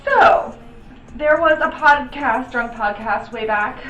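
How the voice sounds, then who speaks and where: A woman's voice: high voice, slow, fairly bright tone, dull audio. An American woman chatting casually as a tipsy review host, rambling and opinionated, with theatrical exclamations and swearing. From Baltimore area, United States. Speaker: drunk review show host. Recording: echoey room, distant mic, background music.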